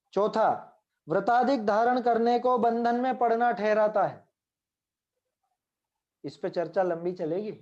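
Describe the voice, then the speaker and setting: A man's voice: high-pitched, darkish tone, dull audio. A man giving a religious scripture lecture. He explains at length and keeps checking in with his listeners through short tag questions. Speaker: scripture teacher.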